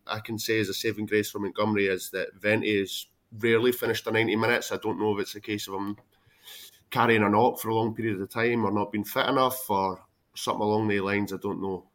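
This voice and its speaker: A man talks through football tactics in a conversational way. His voice sits slightly low, and he sounds like a podcast panellist giving informal analysis.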